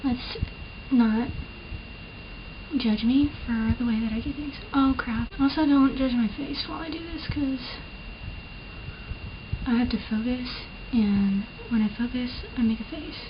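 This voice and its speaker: This casual makeup chat features a young woman at home who rambles, uses lots of fillers, and often makes fun of herself. Her voice, a touch high with a slight lisp, holds a steady tone at a measured pace broken by long pauses. Audio from the built-in camera mic is dull, muffled, and hissy.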